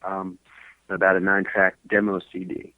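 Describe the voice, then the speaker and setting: A man's voice: sits low, monotone, moderate pace, dry recording. Rambling man in his thirties on a tinny line. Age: 30s. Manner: rambling, many fillers and restarts. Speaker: guest musician. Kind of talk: casual podcast interview. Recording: tinny phone-line sound.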